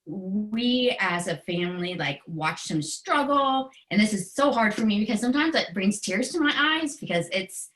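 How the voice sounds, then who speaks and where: A middle-aged American woman, an author and special education educator, appears as an interview guest sharing personal stories in an earnest, emotionally open, conversational way. Her mid-range voice is animated, at normal speed with hardly any pauses. The recording is rough.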